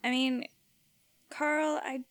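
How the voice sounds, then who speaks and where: Casual woman player, slightly high voice. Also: flat delivery, slow pace, a bit bright, clear, resonant tone. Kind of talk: tabletop role-play, casual.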